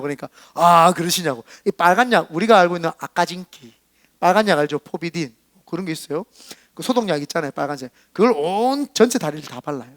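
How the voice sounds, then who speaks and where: A middle-aged Korean pastor with a fairly high voice preaches in a church, telling his own story with lively shifts between hushed and loud moments. The sound is close and dry, with little room around it. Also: no echo. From South Korea. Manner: animated storytelling, acting out dialogue with rising and falling loudness. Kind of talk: sermon with personal testimony.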